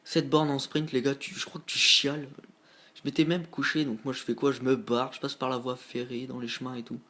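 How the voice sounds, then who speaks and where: A man's voice: mid-range voice, level tone, a little fast, bright, forceful tone. A teenage boy from northern France casually telling his viewers a story, slangy and rambling, often calling out to them as guys. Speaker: vlogger.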